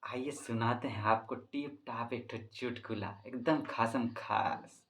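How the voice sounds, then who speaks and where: Unhurried Bihari man teacher, joking. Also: mid-range voice, fairly even intonation. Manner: playful, breaks into laughter; speaks to students directly. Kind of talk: casual lesson with a joke.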